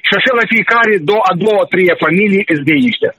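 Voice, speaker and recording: A man with a Moldovan Romanian accent and a fairly high voice. He answers an interview as a local mayor, rambling and stumbling through his points with frequent hesitations and restarts. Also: pushed and bright, no room sound, low-quality recording. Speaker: town mayor.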